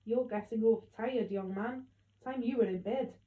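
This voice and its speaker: A woman voicing a scornful, bossy grandmother who scolds loudly. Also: fairly high pitch, normal speed, lightly acted. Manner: loud and scolding. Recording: echoey tinny phone-like sound.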